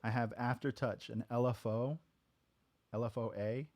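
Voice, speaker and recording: A man's voice: mid-range voice, moderate pace. A man casually teaching a talk box technique step by step, checking in with "right?" as he goes. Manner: relaxed, explains step by step with "right?". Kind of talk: casual studio tutorial. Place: home music studio.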